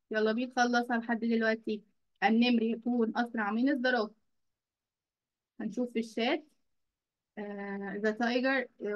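Egyptian woman, online children's teacher, a bit high voice, dull call mic, slow drawn-out words. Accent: Egyptian Arabic. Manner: praising pupils, drawing out English words slowly.

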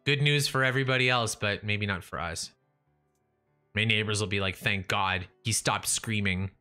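Soft music plays behind a young man whose fairly low, sharp voice moves at a moderate pace as he livestreams a building game. He chats with viewers and himself from a small room at home, using a studio mic in front of his face, often restarting or letting thoughts trail off. He says his voice is going.

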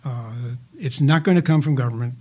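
Speaking at medium pitch with a darkish tone, an older man fields interview questions as a healthcare finance advisor. He is measured and data-heavy, filling pauses with "uh" and slipping in dry asides.

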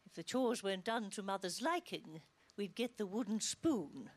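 A woman playing a prim, deadpan spinster sister from a small Australian country town, with an Australian accent and a lively, singsong pitch. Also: normal speed, lightly acted. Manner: prim, flat, obedient deadpan delivery.

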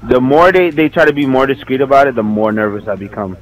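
A man chatting casually with friends over voice chat while gaming, excitable and swearing freely. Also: mid-range voice, fast talker, poor audio. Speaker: gamer in group voice chat.

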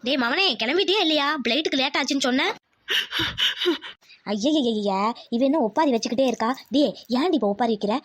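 A woman voicing a sharp-tongued older village mother-in-law who mocks her son's wife in a cartoon. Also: high-pitched, lively intonation, brisk, pauses often. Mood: scornful. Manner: scolding, mocking, brash.

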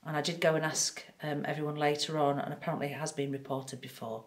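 A woman's voice: low-pitched, steady tone, fast. A woman paranormal investigator recounting an experience in an interview, chatty and full of ums.

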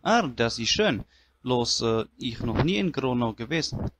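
A man doing a naive, earnest immigrant, talking slowly in broken grammar. He is polite and wide-eyed, telling his story as a comedy character monologue. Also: mid-range voice, lively intonation, a bit bright, a little hiss or hum. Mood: puzzled.

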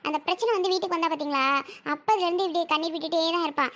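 A performer playing the bride's bossy young female friend in an amateur family drama skit, brisk and scolding. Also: very high voice, a bit bright. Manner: scolding, brisk, talks quickly.

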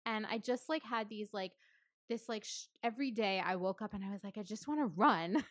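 A woman's voice: mid-range voice, fairly even intonation, fairly quick, no room sound, clean studio sound. A woman physical therapist in her thirties, chatting casually and telling a story with lots of fillers and laughter. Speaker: physical therapist and podcast co-host. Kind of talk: casual chat.

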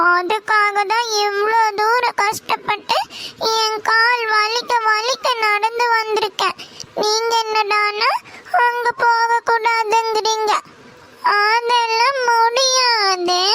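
A very high, shrill little-girl voice done by a woman for a cartoon, speaking with a Coimbatore Tamil accent. She sounds whiny and tearful, and her delivery is slow and drawn out. The tone stays sharp and bright throughout. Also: slight background noise, exaggerated voice. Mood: stubborn. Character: little girl, stubborn and then frightened. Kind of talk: cartoon voice acting.

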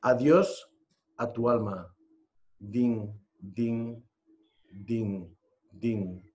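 A man moderating a live book presentation, speaking haltingly with fillers and reciting a poem solemnly. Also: medium pitch, fairly even intonation, darkish tone. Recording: dull lo-fi event recording.

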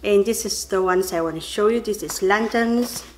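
A woman's voice: medium pitch, normal speed. Chatty woman vlogging in her kitchen. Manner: earnest, chatty, addresses viewers as you guys. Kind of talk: casual vlog to camera. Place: kitchen at home.

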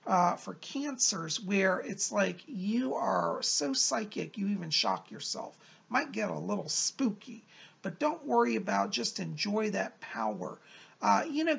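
Gravelly man giving a mystical horoscope reading. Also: high-pitched, fairly bright tone. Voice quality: raspy, creaky. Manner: encouraging, advising the listener directly. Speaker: psychic medium presenting horoscopes. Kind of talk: mystical horoscope reading, informal and semi-improvised. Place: small room at home, indoors.

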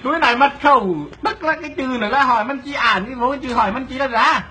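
A man's voice: very high-pitched, fast talker, pushed and bright. A man playing a prank on a neighbor, repeating himself and breaking into laughter as he talks. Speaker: prankster asking a neighbor for a wifi password. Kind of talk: hidden-camera prank chat. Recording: noisy background.

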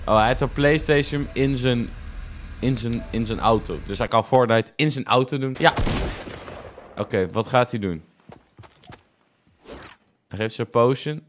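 The young man reacting here has a mid-range voice and takes his time, leaving long pauses, with slight background noise on the recording. His commentary is still casual and exclamatory, laced with English slang. He's in a small furnished room at home, wearing a headset and speaking into a close desk microphone.

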